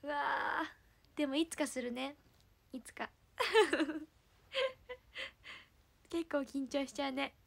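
Young idol girl streaming, hakata accent, high voice, giggles and mumbles softly to herself. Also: takes it slowly, creaky, long pauses. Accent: Hakata dialect. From Fukuoka, Japan. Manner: giggly, often drops to a soft murmur. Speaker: idol livestreamer. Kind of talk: casual livestream chat.

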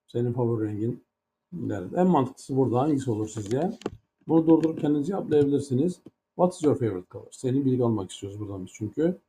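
A man's voice: mid-range voice, expressive, fast talker, warm tone, slight background noise. A man teaching an English grammar lesson in Turkish, with a Turkish accent in English. He explains patiently, step by step, and asks many rhetorical questions.

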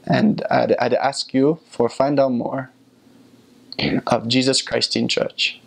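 A man in his twenties speaking Sierra Leone Krio creole, giving an earnest religious testimony in a measured way with pauses. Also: mid-range voice, flat delivery, gravelly. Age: 20s. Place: small furnished room indoors, by a window.

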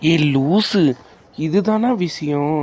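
Guy doing a caring big bro in a cartoon, teasing but kind, slightly high voice. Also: very slow, darkish tone. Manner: teasing, reassuring. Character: caring older brother, young man. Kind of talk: cartoon voice acting.

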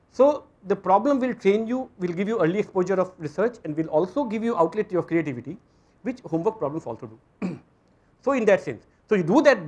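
A man with an Indian accent giving a motivational lecture to students, emphatic, repeating phrases and asking rhetorical questions in a husky voice. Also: high voice, darkish tone. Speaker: physics lecturer. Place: auditorium stage.

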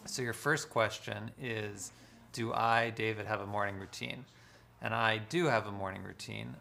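Man, low gravelly voice, bright edge, slow and deliberate, faint background noise. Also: fairly even intonation. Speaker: guest author and empath. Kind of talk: live social-media conversation.

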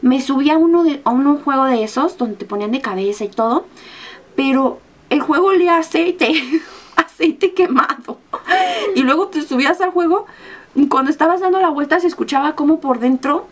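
A young Mexican woman vlogger telling a story in a casual, animated way, acting out her own screams and the lines of the people in it. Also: high voice, a little fast.

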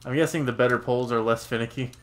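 A man playing a farming game with a friend, joking crudely and making quick asides. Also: medium pitch, fairly even intonation, fairly bright tone. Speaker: gamer. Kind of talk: casual co-op gameplay chat.

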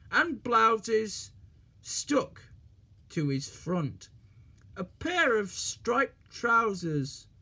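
Slow, lively storybook narrator. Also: mid-range voice. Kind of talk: storybook reading.

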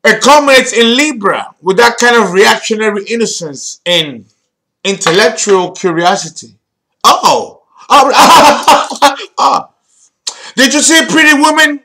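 Male astrology host, high pitched, playful and theatrical lecture delivery with jokey asides. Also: expressive, moderate pace, bright, forceful tone. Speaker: astrology teacher and channel host. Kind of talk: animated video lecture.

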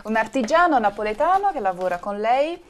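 A woman's voice: on the high side, very animated, brisk, slight background noise. A woman, hosting a conversational interview in a room at home. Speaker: TV interviewer, host. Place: small furnished room at home, indoors.

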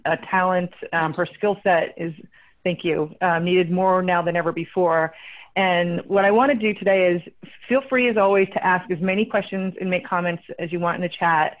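A woman hosts a live online chat with a bubbly, talkative energy, filling her sentences with casual fillers. Her voice arrives through a thin, phone-like line from a video call. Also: lowish voice. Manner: bubbly, chatty, laughs often, many fillers. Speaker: host and company CEO.

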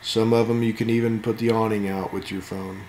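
Hosting an RV channel from inside a camper at an RV show, this man gives a relaxed walkthrough peppered with jokes. His fairly low voice is flat, a bit mellow and fairly quick, and the sound is roomy.

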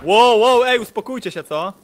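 A man gaming with friends, reacting loudly and excitedly to every twist. His pitch jumps around a lot as he exclaims and protests. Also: moderate pace, a little hiss or hum. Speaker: gaming guest. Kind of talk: casual gaming chat.

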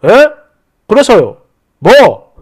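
A man's voice: high voice, huge pitch swings, very slow, darkish tone, husky, pitched below the performer's own voice, full character voice. A woman voicing a rude, scornful man stranger who talks down in a sneering, dismissive way.

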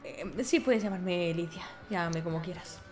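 A woman with an accent from Spain improvising casual role-play in an online game, blunt and quick to swear. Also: lowish voice, a little mellow, faint music behind.

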